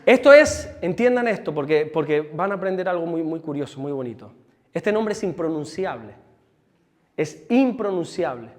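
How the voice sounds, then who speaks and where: A man preaching a sermon as pastor, teaching with lively emphasis and stopping for quick asides to the people around him. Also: fairly high pitch, long reverb tail. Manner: animated, with asides to helpers about the screen. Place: church hall.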